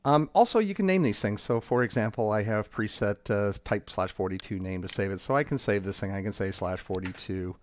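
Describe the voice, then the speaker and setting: A man casually walking through a demo of his software tool, talking in a halting way with many ums and restarts. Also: on the low side, lively intonation.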